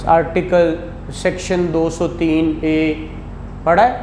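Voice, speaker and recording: Speaking slowly in a slightly high, level voice with a darkish tone, a Pakistani-accented man gives a classroom law lecture. He teaches by asking rhetorical questions and repeating key phrases, and the classroom audio is echoey with some faint noise.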